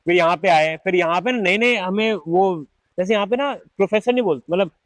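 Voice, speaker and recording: A man in his thirties from India hosting a podcast, telling lively stories in casual chat and switching between Hindi and English. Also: high voice, a little fast, no room sound. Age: 30s. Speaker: podcast host.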